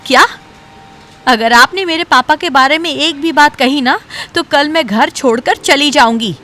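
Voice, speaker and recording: A young cartoon daughter-in-law, earnest and firm, who will not let her family be insulted. Her voice sits high and bright. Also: unhurried. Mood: defiant. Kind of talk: cartoon voice acting.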